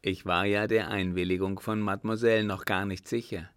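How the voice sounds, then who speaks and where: A man's voice: on the low side, little pitch movement, fairly quick, fairly bright tone, smooth, no room sound, clean studio sound, lightly acted. A man reading an audiobook, voicing a young lieutenant who defends himself earnestly to a furious countess. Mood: defensive. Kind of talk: audiobook character voice.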